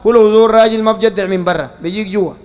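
High-voiced Sudanese preacher addressing a crowd. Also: male voice, racing, darkish tone, clean tone. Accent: Sudanese Arabic. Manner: rhetorical, fires questions at the crowd and calls for attention. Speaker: preacher giving a public lecture. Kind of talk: public religious lecture.

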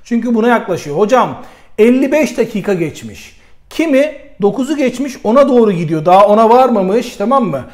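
A man with a notably high voice teaches young pupils how to read a clock. He walks through each step, counts the minutes out loud and answers his own questions as a pupil would. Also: sing-song, fairly quick. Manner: explains step by step, counts aloud, voices pupils' answers, often says "arkadaşlar". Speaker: primary school math teacher. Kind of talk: classroom lesson at a board.

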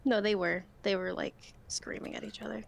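A woman's voice: medium pitch, steady tone, fairly quick, gravelly, slight background noise. A woman chatting with a friend on a call, teasing and giggly. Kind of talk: casual chat.

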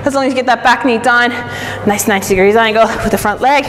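A young woman coaching a workout as a fitness instructor, encouraging and breathy from exercise. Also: on the high side, fast talker, over music. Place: large indoor studio with wooden floor. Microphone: distant camera. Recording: echoey hall from far off, noisy.

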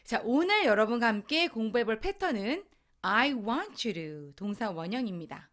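A woman from Korea gives an English lesson in her native Korean with an animated, bouncing delivery and a fairly high voice. She explains at a brisk pace, then slows right down to drill each English phrase. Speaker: English teacher. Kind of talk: online language lesson.

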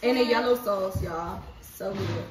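A woman's voice: mid-range voice, a little slow. Woman reading out questions in a roomy room. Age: 20s. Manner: bossy, keeps things moving. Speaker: sister asking the questions. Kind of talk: casual group chat while eating. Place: kitchen, indoors. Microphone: far camera. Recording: roomy, far off, chatter behind.

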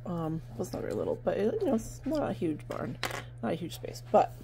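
Her voice sits low, moves briskly, and swings hugely in pitch, with vocal fry over a noisy background. She's a middle-aged New Hampshire vlogger who sells at barn sales, rambling casually to a handheld phone camera from her table at home, full of fillers.

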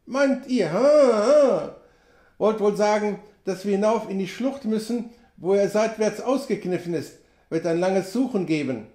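A man's voice: high-pitched, moderate pace, warm tone, voice pushed up, natural voice. A man voicing a chatty, folksy old frontier trapper who talks in clipped, colloquial phrases and exclaims often. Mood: teasing. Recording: roomy echo.

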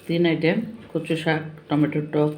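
A woman's voice: low voice, level tone, normal speed, darkish tone, slight background noise. An older woman chatting casually to viewers while eating, her mouth full at times. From Comilla, Bangladesh. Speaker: food vlogger. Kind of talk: casual chat to viewers over a meal.

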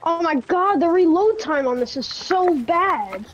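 A woman's voice: very high voice, expressive, a little slow, muffled recording, slight background noise. A woman gamer teasing her opponent during a match, goofy and repetitive. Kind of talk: casual gaming chat.

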